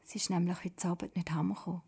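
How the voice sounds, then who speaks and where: Brief: woman playing a worried father, anxious calls and whispers, husky. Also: fairly low pitch, flat delivery, quick pace, full character voice. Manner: calls out loudly, then whispers anxious questions. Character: worried father searching for his sister at night.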